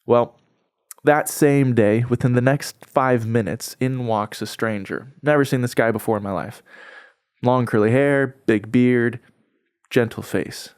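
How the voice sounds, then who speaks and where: A man's voice: mid-range voice, a little slow, darkish tone, smooth, dry recording, clean studio sound. A young adult man, a podcast guest, telling his personal faith story in an earnest, heartfelt, conversational way, often saying "like".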